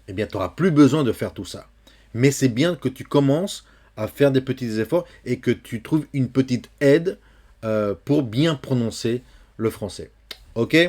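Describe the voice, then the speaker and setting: A man's voice: medium pitch, a little mellow. A man teaching French pronunciation, reading a poem line by line and patiently explaining each sound to the learner. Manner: addresses the learner informally, checks with "ok?".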